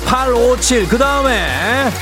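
A man hosting a live radio show in the booming delivery of a prize announcer. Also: lively intonation, slow pace. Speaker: radio host. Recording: music behind the voice. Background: background music.

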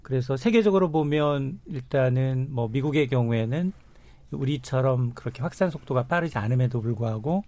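A man's voice: mid-range voice, lively intonation, moderate pace, mellow. A man speaking as an expert panelist in a radio discussion, explaining conversationally with frequent filler words.

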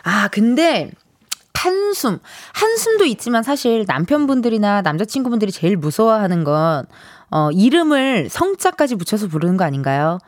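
A woman radio DJ chatting on air in a bright, playful way and reading out listener texts. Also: medium pitch, very animated, brisk, no echo. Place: radio studio. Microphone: studio microphone. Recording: dry radio studio mic, faint music behind.

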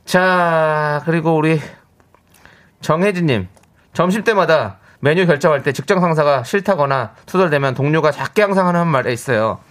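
A man co-hosting a radio show, briskly reading listener messages and bantering with his partner. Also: fairly high pitch. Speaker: radio co-host. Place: radio studio.

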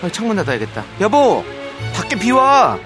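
A man voicing a timid, quick-tempered middle-aged wife in a comic radio skit, fussing and exclaiming. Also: high-pitched, huge pitch swings, over music, pitched above the performer's own voice. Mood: frightened. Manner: fussy, exclaiming, then snapping.

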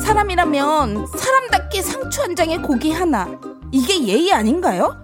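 A whiny, bossy older sister, played by a woman in a comic radio sketch, yelling indignantly in a very high, lively voice. She squabbles and complains without letting up. Music plays softly behind her. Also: moderate pace. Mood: squabbling.

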